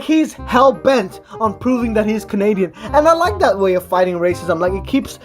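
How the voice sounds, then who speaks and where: Woman giving crude, sarcastic commentary. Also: medium pitch. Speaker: video commentator. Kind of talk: mocking reaction commentary.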